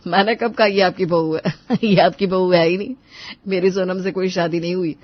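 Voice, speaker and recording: A woman voicing a calm, sensible young adult son in a cartoon. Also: fairly low pitch, moderate pace, no room sound, lightly acted. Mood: explaining. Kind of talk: cartoon voice acting. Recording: dull lo-fi voice-over.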